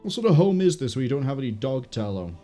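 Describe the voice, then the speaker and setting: Male let's-player, mid-range and mellow, playful off-the-cuff game commentary. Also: medium pitch, very animated, quick pace, soft background music. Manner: playful, wry asides. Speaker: gaming streamer. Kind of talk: casual playthrough commentary.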